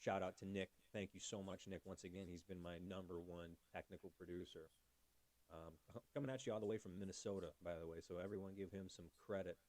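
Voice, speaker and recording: A man's voice: sits low, steady tone, fast talker, a little mellow. A man hosting a casual livestream, chatty, thanking viewers by name and talking through fixing his audio. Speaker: livestream host.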